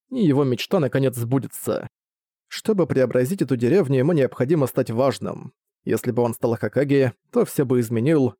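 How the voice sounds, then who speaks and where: A man narrating a novel as an audiobook in a calm, even storytelling manner. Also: medium pitch, no room sound, clean studio sound. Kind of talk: scripted narration.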